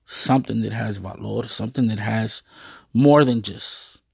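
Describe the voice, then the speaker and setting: Gravelly man, rambling and earnest. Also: fairly low pitch, unhurried, darkish tone, dry recording, studio quality. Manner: rambling, hesitant, heavy on fillers; earnest, proud. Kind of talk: casual monologue to viewers.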